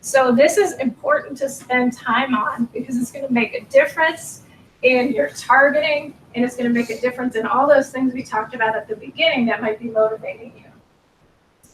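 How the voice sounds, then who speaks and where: Her voice high-pitched and steady at a normal speed, a woman in her forties speaks earnestly and encouragingly at a workshop, sounding a little strained. She's recorded from a distance in an echoey meeting room with slight background noise.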